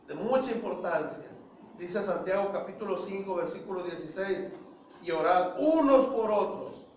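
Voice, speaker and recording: A man's voice: sits high, slight background noise. A man with a Mexican Spanish accent preaching a sermon in a church, emphatic, often calling out to his listeners and asking them questions. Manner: emphatic, repeats "hermanos", asks the congregation questions. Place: church hall. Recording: very echoey church hall from far off.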